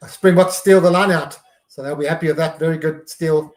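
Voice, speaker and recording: A man's voice: on the high side, fairly even intonation, a little fast, a little mellow, echoey room. A man hosting a live stream, giving casual running commentary on a match and reacting to each play.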